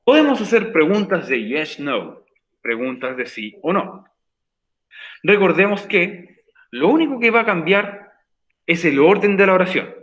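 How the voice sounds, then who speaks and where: Guy teacher explaining grammar in a virtual class, patient, says things twice, kinda high pitched. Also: fairly bright tone, rough recording. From Chile. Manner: patient, repeats points for emphasis. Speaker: English teacher. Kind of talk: recorded online class explanation.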